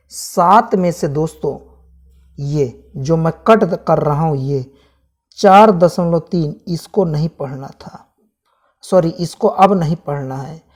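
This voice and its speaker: A man's voice: fairly high pitch, darkish tone. A man teaching, casually walking viewers through a maths syllabus chapter by chapter, repeating each item and calling viewers friends. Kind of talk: casual syllabus walkthrough lesson.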